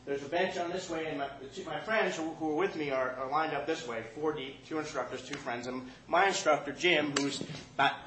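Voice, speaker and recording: A man's voice: fairly high pitch, a little fast, fairly bright tone, echoey room, a little hiss or hum, rough recording. A man telling a comic story to a live audience, profane and self-mocking, often laughing while he talks.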